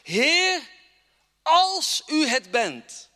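Man doing an anxious apostle, higher and slow, pleading, hall reverb. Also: very animated, sharp tone, exaggerated voice. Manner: pleading, drawn-out. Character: frightened, unsure male apostle pleading.

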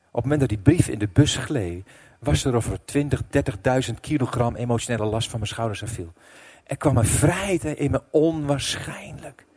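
A middle-aged man preaching a sermon as pastor, telling a personal story with emotion, dropping to a hush and then rising loud. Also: mid-range voice, husky. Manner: emotional storytelling, swinging between hushed and loud.

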